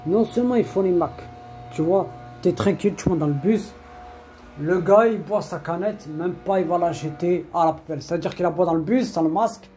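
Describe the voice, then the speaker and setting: Mellow-voiced man preaching a rambling reminder. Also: high voice. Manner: rambling and repetitive, sprinkled with Arabic religious phrases; scolding, streetwise warnings. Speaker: preacher giving an online religious reminder. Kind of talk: informal spoken religious reminder.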